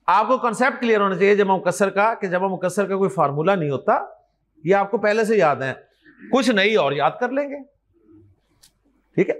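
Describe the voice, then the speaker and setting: Animated, high-voiced male teacher. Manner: animated call-and-response drilling of word pairs; encouraging, addresses students directly. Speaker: Arabic teacher. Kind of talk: classroom lecture.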